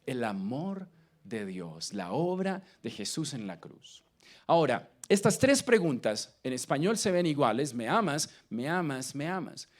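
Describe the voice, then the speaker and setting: A man with a Colombian accent preaching a sermon, asking the congregation questions and swinging between loud emphasis and quiet lines. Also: mid-range voice, very animated, measured pace. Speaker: pastor.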